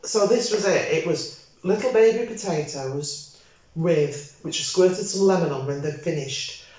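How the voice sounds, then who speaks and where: A woman's voice: lowish voice, unhurried, darkish tone. An older woman hosting a home cooking video, chatting casually and rambling as she cooks at her table. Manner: chatty, rambling, self-correcting. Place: home dining room, indoors. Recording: very echoey room, dull lo-fi sound.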